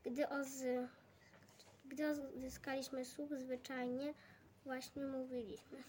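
A woman reading a first-person story aloud haltingly, often breaking off and restarting words. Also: sits high, level tone, darkish tone, slight background noise. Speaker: reader.

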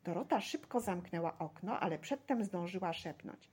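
A woman reading a children's story aloud with an expressive, animated delivery. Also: fairly low pitch, moderate pace, husky.

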